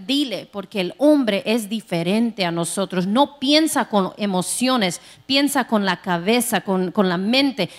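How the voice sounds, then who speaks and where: A woman pastor delivers a lively sermon, acting out everyday scenes as she goes. Her voice sits high and moves a lot.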